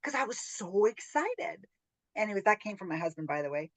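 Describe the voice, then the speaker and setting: A woman hosts a relaxed group coaching call over video. She tells stories in a chatty, animated way, laughs often and keeps checking in with "right?" Her voice is recorded close and dry, with little room sound. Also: medium pitch, a little fast, dry recording, low-quality recording. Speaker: business training host.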